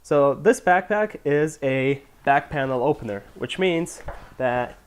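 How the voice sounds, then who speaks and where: A man getting over a cold, speaking with a nasal, stuffy voice as he reviews camera gear in a relaxed, loosely scripted way. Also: a little high, takes it slowly, clean tone. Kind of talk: casual product review.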